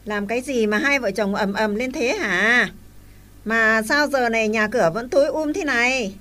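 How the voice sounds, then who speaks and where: A woman's voice: fairly high pitch, moderate pace, bright, forceful tone. A woman playing an older grandmother who scolds and gives advice in a family skit. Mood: scolding. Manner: scolding, then advising.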